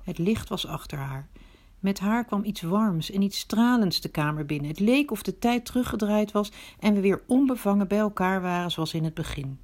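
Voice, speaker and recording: A woman telling a dramatic first-person story, swinging between hushed asides and indignant outbursts. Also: mid-range voice, expressive, moderate pace.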